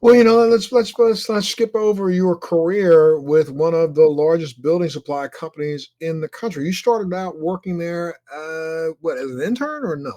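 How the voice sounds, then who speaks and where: Male podcast host, a bit high-pitched, upbeat, repeats his questions. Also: moderate pace, few pauses, mellow. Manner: eager, piles up repeated questions. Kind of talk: casual interview.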